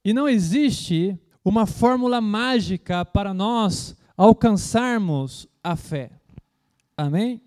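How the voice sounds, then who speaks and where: High-voiced male preacher asking rhetorical questions. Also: expressive, slow. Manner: preaching with frequent rhetorical questions and calls of amen; acts out loud shouting prayers as a mock imitation. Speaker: pastor. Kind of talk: sermon.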